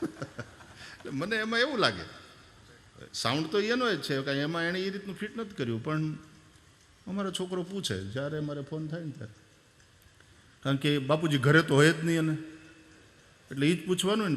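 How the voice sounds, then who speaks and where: A man's voice: a little high, a bit bright. A man with a Saurashtra Gujarati accent giving a devotional discourse, telling stories, imitating sounds and breaking into song. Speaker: Bhagavata Katha preacher. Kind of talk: devotional discourse with sung bhajan. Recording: hall reverb with faint music.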